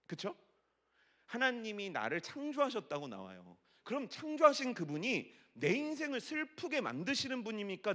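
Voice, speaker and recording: A man in his forties preaching as a pastor, chatty and teasing with the congregation, his voice swinging between loud and hushed. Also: high voice. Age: 40s. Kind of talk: sermon at a youth worship service.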